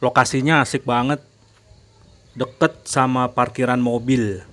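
Slow, easygoing male camping vlogger. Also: medium pitch. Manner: slow, relaxed, calls viewers "gengs". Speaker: travel vlogger. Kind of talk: casual vlog narration.

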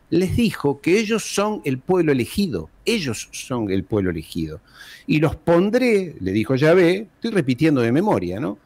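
Over a video call, a guest historian with a darkish tone lets his pitch swing widely, driving his points home with rhetorical questions and repeated phrases. A large desk microphone in a small home room gives a dry, close sound with no room noise.

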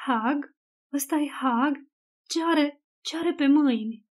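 A woman's voice: high voice, natural voice. A woman reading as a frightened young woman. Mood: alarmed. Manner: breathless and shaken.

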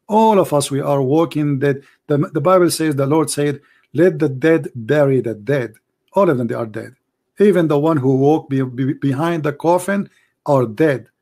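A man's voice: medium pitch, a little mellow. A man hosting a live call-in religious debate, preaching with passion in broken grammar while losing his voice. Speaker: call-in show host.

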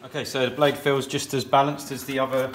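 In his woodworking workshop, a man in his thirties reviews saw blades, thinking aloud in a plain, practical way as he tests them. His mid-range voice is fairly quick with little pitch movement, and there's a bit of hiss or hum.

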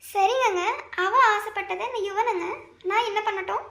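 A woman's voice: extremely high pitch, steady tone, normal speed, creaky, a bit bright, full character voice. A woman voicing an anxious young wife in a cartoon family drama, pleading and coaxing her husband.

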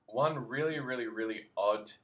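A man's voice: medium pitch, moderate pace, fairly bright tone. A man with an Australian accent chatting casually to camera as a vlogger, rambling and making self-mocking asides.

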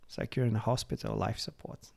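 A man casually walking through a software demo, chatty and full of fillers like "like" and "uh". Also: fairly low pitch, sing-song, fast talker, gravelly. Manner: chatty, lots of fillers, reads chatbot replies aloud. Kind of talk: casual screen-recorded product walkthrough.

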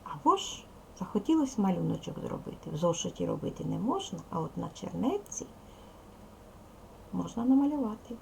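A woman's voice: mid-range voice, big pitch swings, a little fast, gravelly, dark tone, slight background noise. A woman teaching second graders in a recorded video lesson, patiently spelling out sounds and syllables one by one. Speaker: primary school teacher.

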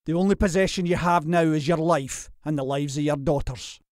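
A narrator voices a gruff outlaw who gives orders curtly and forcefully, in a mellow, fairly low voice. Close, dry audiobook sound. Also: male voice, measured pace, no echo. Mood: commanding. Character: gruff, commanding Scottish outlaw.

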